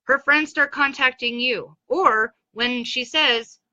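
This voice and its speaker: Blunt, bright-voiced woman giving a pep talk. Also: high voice, slow pace, no echo, highs cut off. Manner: blunt, motivational, chatty with asides. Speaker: direct sales consultant. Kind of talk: Facebook Live pep talk. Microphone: phone.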